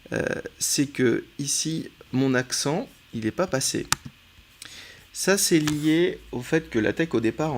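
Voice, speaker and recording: A man from France teaching a relaxed screen-recorded coding tutorial, thinking aloud as he types and often pausing on "euh". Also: medium pitch, slight background noise.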